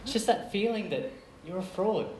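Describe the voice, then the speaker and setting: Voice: mid-range voice, normal speed, a little mellow, a faint crowd, natural voice. An actor playing a reassuring medical student friend in a stage comedy, with an exaggerated delivery. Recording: distant echoey stage, faint noise.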